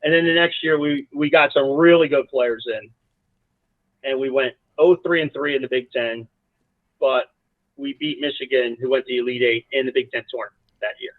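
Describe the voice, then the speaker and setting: Interview guest: man from South Jersey, a soccer coach, rambling and animated, dry phone-like sound. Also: mid-range voice, moderate pace, dry recording. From South Jersey, USA. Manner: animated, rambling anecdotes with many restarts. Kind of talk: casual storytelling interview. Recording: dry, tinny phone-like line.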